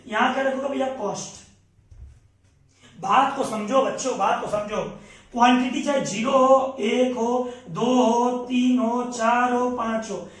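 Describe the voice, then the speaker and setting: A man with an Indian accent and a high voice teaches commerce. He mixes Hindi and English and repeats key terms. He is heard from a distance in a strongly echoing empty classroom. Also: a bit bright. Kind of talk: classroom lecture.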